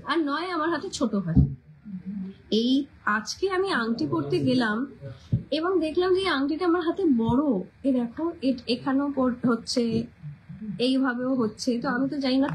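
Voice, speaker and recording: Chatty high-voiced Kolkata Bengali woman. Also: a little mellow, a little hiss or hum, poor audio. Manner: chatty, repeats every weight and price twice. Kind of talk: casual live-stream sales chat.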